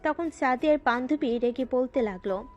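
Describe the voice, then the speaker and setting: A woman narrating a Bengali audio love story in a steady, conversational storytelling tone. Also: sits high, moderate pace, muffled recording. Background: faint background music.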